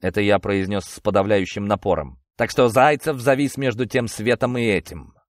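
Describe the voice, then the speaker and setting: A man's voice: on the low side, moderate pace, no room sound, clean studio sound. A man reading an audiobook, narrating and voicing each character in a theatrical way.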